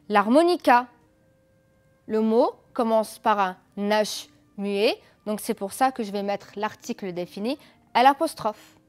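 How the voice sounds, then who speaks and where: A woman's voice: a little high, a little mellow. A woman teacher giving a televised school lesson, explaining patiently, asking pupils questions and praising their answers. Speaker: French teacher.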